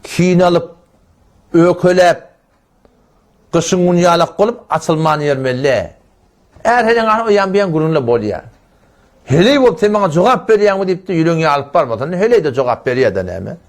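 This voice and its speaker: High, lively-voiced preacher man. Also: brisk. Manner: emphatic, exhorting, repeats phrases for stress; quotes Arabic scripture. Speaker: Islamic preacher. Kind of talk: live religious lecture on family matters.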